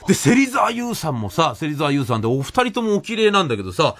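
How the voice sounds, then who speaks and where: A man telling a comic anecdote in an animated way, laughing as he goes and acting out what people said. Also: a little high, fast talker. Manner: animated, laughs while telling, acts out quoted voices. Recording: noisy recording.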